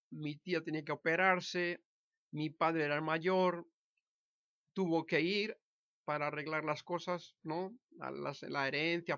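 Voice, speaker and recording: A man's voice: high voice, fairly bright tone, clear, resonant tone, dry recording, highs cut off. Hesitant Spanish man in his sixties. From Spain. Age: 60s. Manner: hesitant, halting, with frequent restarts and self-corrections. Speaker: vlogger telling his life story. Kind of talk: casual personal monologue to camera.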